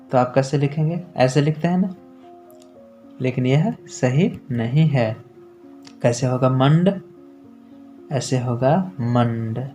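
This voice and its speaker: A man teaching letter sounds slowly and clearly, stretching syllables and often checking that viewers follow. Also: on the high side, dark tone. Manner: slow, drawn-out syllables, frequent check-ins with the viewer. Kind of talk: pronunciation lesson for children.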